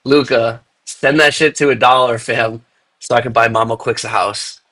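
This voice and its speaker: A man's voice: medium pitch, fairly even intonation, normal speed, sharp tone. A young man hosting a casual crypto chat, laid-back and filling his talk with "dude" and "like". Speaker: podcast host.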